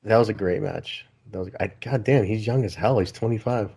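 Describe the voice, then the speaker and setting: A man co-hosting a wrestling podcast in casual chat, excitable, laughing and swearing freely. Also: fairly low pitch, fairly quick, vocal fry, breathy edge. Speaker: podcast co-host.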